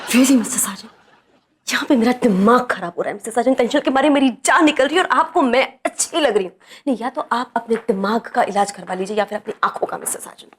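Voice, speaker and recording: An actress playing a bossy, theatrical female boss in a sitcom, talking dramatically and swinging between loud and soft. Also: fairly high pitch, animated, a little fast, husky. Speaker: office boss. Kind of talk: sitcom acting. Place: indoor office set.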